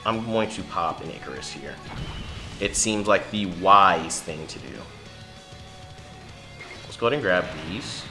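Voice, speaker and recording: A gaming channel host casually narrates his own mobile game run, talking both to himself and to viewers as he plays. He's chatty and mutters under his breath, then gets loud at big hits. His low, expressive voice moves unhurriedly with frequent pauses, over music.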